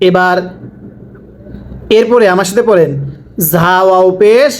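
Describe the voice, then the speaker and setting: A man teaching Quran reading, spelling out letters and vowel marks and then slowly drawing out each joined word for his students to repeat. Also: high-pitched, low-quality recording. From Bangladesh. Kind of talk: slow call-and-repeat recitation lesson.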